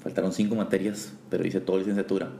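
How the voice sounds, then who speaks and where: A Costa Rican man in his forties hosting a comedic interview, teasing his guest in a mock-serious way, with halting restarts. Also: low-pitched, little pitch movement, creaky, mellow. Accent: Costa Rican Spanish. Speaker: host. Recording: echoey room with faint noise.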